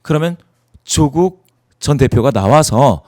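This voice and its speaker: A man's voice: mid-range voice, expressive, a little slow, a little mellow. A man in a studio interview, explaining poll data emphatically and asking himself rhetorical questions. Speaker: poll analyst guest.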